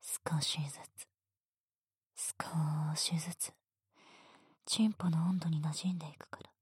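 A woman voicing a teasing, domineering female teacher in a whispered roleplay, speaking in a soft, breathy, bossy way. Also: low-pitched, steady tone, a little slow, dry recording, studio quality, exaggerated voice. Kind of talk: erotic ASMR roleplay.

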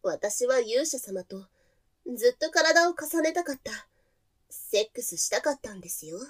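A woman voicing a possessive, devoted adult woman who has waited centuries for a hero, speaking slowly in a sweetly polite, softly menacing way. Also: fairly high pitch, sing-song. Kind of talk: adult audio drama role-play.

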